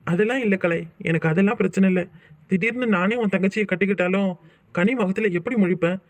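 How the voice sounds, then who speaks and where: Man as a patient, heartfelt young man in a cartoon, high voice and quick pace; dry recording. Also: no echo. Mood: reasoning. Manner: calm, reasoning, heartfelt. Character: earnest young man, patient and self-sacrificing friend. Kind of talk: cartoon voice acting.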